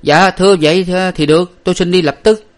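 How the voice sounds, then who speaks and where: A man reading a story, voicing an excitable, timid young male servant who shouts urgently. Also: sits high, a little fast, pitched above the performer's own voice, close to an everyday voice. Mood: eager.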